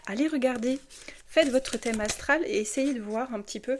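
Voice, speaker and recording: A woman's voice: on the high side, normal speed, darkish tone, a little hiss or hum. A woman giving a casual monthly tarot reading. She hesitates and stumbles over her words, with many fillers. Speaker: tarot reader.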